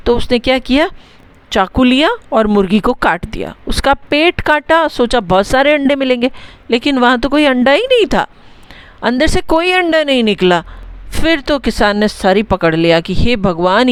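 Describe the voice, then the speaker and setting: A young adult woman teacher giving a patient, chatty lesson, dictating English words slowly and spelling them out letter by letter. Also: on the high side, expressive, clean tone, dry recording. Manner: explains in a patient, chatty way, often checking in with the class. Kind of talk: bilingual story-writing lesson.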